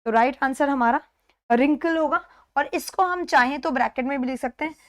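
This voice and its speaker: Woman, high-pitched, live online lesson, step-by-step explaining, slow repeated pronunciations. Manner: explains step by step, often checks in with "theek hai"; repeats words slowly to model pronunciation. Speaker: English exam teacher.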